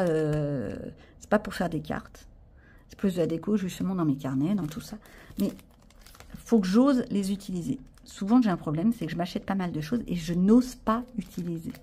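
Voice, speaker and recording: A woman vlogger with a French accent chats casually to camera about her sticker and craft haul, teasing herself and leaning on fillers. Her voice is lowish and warm, with a breathy edge.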